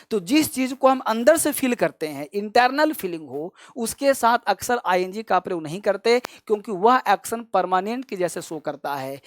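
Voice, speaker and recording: A man's voice: high-pitched, dry recording. A male teacher giving a classroom grammar lesson, explaining step by step and repeatedly telling students to pay close attention. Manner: addresses listeners as kids, explains step by step.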